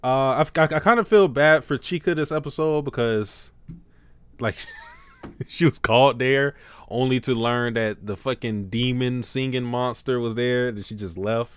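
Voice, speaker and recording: A man hosting a casual livestream podcast, talking in an animated, slangy way and laughing often. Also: medium pitch, measured pace, clean tone, no echo. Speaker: podcast host.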